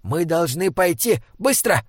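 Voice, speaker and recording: A man's voice: fairly high pitch, very animated, unhurried, dry recording, studio quality. A man voicing a small, earnest male troll who talks in stilted, oddly worded phrases. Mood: urgent.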